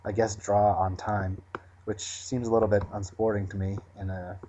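A man calmly talking through a finished chess game move by move, thinking aloud with frequent fillers. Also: lowish voice, normal speed, slight background noise. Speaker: chess commentator. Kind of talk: post-game chess analysis.

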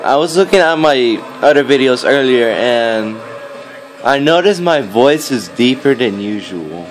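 Audio is poor as a fourteen-year-old films his game indoors on a handheld phone, game music playing underneath. Making a gaming video, he talks in an animated, mid-range voice at a measured pace, his commentary casual, hesitant and rambling.

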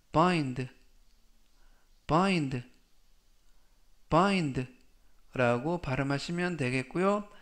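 A man teaching English vocabulary in a scripted lesson. He repeats each word three times and explains its meaning step by step. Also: a little high.

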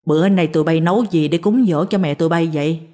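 A woman's voice: low-pitched, fast talker, mellow, natural voice. A woman voicing a frightened, insistent older village woman in a spoken story, talking in urgent pleading bursts. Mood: wondering.

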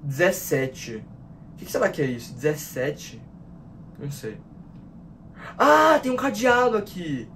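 A man's voice: fairly high pitch, big pitch swings, measured pace, pauses often, a bit bright, slight background noise. A nineteen-year-old man with a Brazilian Portuguese accent doing slangy horror gameplay commentary, jumpy and panicky, shrieking and rattling off repeated words while talking straight to viewers. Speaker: gaming YouTuber. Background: game music.

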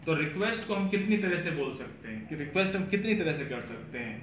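A man's voice: fairly high pitch, animated, fast, a bit bright, slight background noise. A man, explaining his English pronunciation course to students and repeating words to show how they sound. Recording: echoey room with faint ambience.

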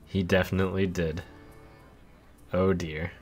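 Deep deadpan man streaming. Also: a little slow. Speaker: game streamer. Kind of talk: live gameplay commentary. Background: game music.

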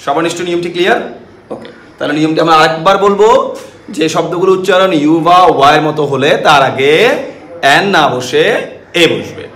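A man's voice: a little high, brisk, long pauses, fairly bright tone. A young male teacher with a Bangladeshi accent giving an online grammar lesson, explaining step by step and often asking his students questions. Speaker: school English teacher. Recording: echoey room with faint hiss.

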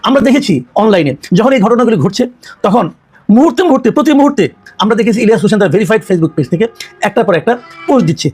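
Very high-pitched, rapid-fire indignant man. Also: animated, darkish tone, slightly rough. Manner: indignant, accusatory, rhetorical questions. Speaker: political commentator. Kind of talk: political commentary.

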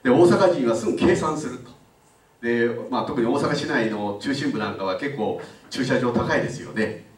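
An older man giving a public lecture in a conversational way, pausing often with filler sounds. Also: medium pitch. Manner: conversational, frequent filler pauses. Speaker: guest lecturer. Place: lecture room. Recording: roomy, mic at a distance.

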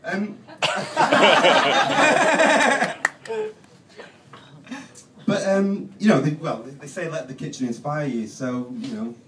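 A young man doing stand-up in a halting, deadpan way full of ums. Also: a little high. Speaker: stand-up comedian. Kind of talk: stand-up comedy set. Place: comedy club stage. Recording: roomy live club, distant mic, noisy.

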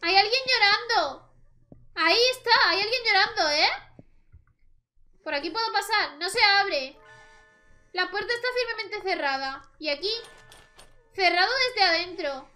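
A woman's voice: very high-pitched, animated, unhurried, long pauses, pushed and bright, faint music behind. A young woman with a Spain Spanish accent gives chatty gameplay commentary, exclaiming at the screen and talking to her viewers. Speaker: let's play host.

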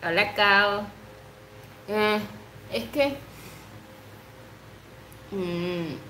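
A woman in her twenties chats on a livestream in a slow, unhurried way, reading out comments and giggling between them. She coos baby talk to her pet. Her voice carries the echo of a bare room with a faint hum behind it. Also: lowish voice. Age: 20s. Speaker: livestream host.

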